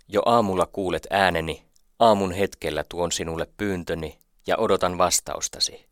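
A man with a very low voice reads scripture in a slow, measured, solemn way. The sound is dry and close, with no room around it. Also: dry recording. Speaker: scripture reader. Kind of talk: scripted Bible reading.

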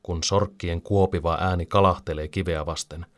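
Brief: low-voiced male narrator, calm storybook delivery. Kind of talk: storybook reading.

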